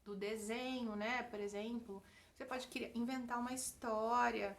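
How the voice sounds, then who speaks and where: A woman talking straight to camera in an unedited vlog, chatty and gently encouraging, often tagging her sentences with "né?". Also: a little high, steady tone, moderate pace, slight background noise. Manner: chatty, gently encouraging, full of "né?" tag questions. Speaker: vlogger and author. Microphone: single camera, talking straight to viewers.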